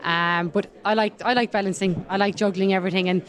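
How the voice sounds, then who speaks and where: A woman's voice: mid-range voice, fairly even intonation, quick pace. A woman with a Kerry accent from the west of Ireland, answering as a rugby player in a casual sports interview. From County Kerry, Ireland.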